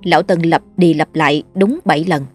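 A woman tells a ghost story in a steady, measured way. Her voice sits low for a woman, and soft music runs underneath. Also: slightly rough. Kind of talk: scripted ghost story narration.

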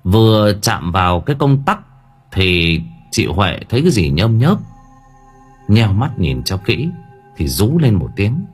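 An audiobook narrator tells a horror story in a dramatic storytelling manner over faint background music. His voice is on the low side, very animated and unhurried, with a breathy edge.

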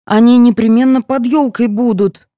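A woman voicing a soft, indulgent mother who fusses and apologizes for her children in an audiobook. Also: on the high side, big pitch swings, normal speed, no echo, voice pushed up. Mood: fussing. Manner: fussing, apologetic.

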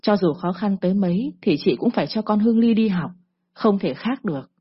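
A middle-aged mother speaks firmly and will not be talked out of her decision, as a woman reading a story puts her on. The voice is husky, on a dull lo-fi recording. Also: medium pitch, animated, brisk. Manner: firm, decisive.

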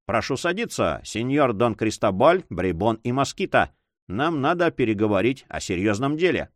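A man voicing a rough, hot-tempered sea captain who talks bluntly and mockingly. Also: mid-range voice, sing-song, normal speed, dry recording, clean studio sound, close to an everyday voice. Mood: brisk.

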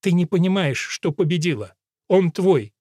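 A man's voice: sits high, lively intonation, moderate pace, mellow, breathy edge, dry recording, clean studio sound. A man reading an audiobook aloud and voicing a middle-aged village woman who earnestly pleads with her old rival. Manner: pleading, confessional.

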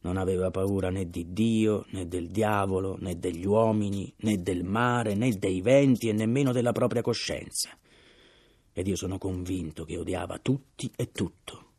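A man's voice: low-pitched, a little mellow, slightly rough. A man reading an audiobook voices a gaunt, deathly ill first mate who speaks solemnly in a hollow voice and breaks into agitated questions.

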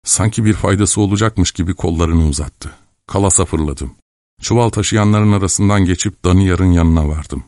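A deep-voiced man narrating a novel in a measured, steady way. The recording is dry and close, with no room sound. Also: dry recording. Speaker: audiobook narrator. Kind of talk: scripted narration.

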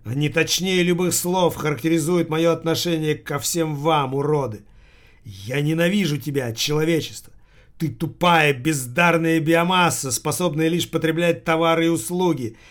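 A man's voice: a little high, lightly acted. A man voicing a deranged engineer giving a pompous, contemptuous speech over the radio.

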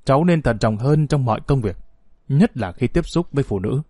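A man's voice: medium pitch, animated, moderate pace, darkish tone, breathy edge, no room sound, clean studio sound. A man voicing a stern older male colonel who questions and commands. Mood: fatherly. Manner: stern, interrogating.

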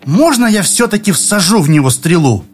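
A man's voice: high voice, big pitch swings, normal speed, husky, soft background music, pitched above the performer's own voice, exaggerated voice. A man voicing a bold young girl who plays at war, teasing and matter-of-fact, in an audiobook reading. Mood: eager.

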